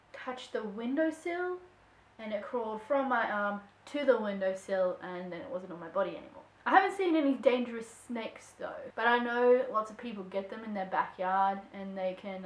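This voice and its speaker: A young Australian woman vlogging to camera, answering viewer questions in a chatty, expressive way. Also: medium pitch. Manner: chatty and expressive, acts out quoted voices. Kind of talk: casual chat to camera. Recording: echoey room.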